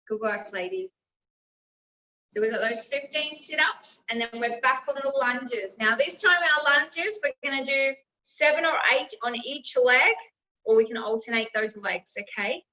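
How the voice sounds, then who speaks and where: A female fitness instructor leads a group workout, giving encouraging cues and instructions in a sharp-toned, fairly high voice with lively intonation at a measured pace. The recording is roomy and slightly dull, captured from a distant mic.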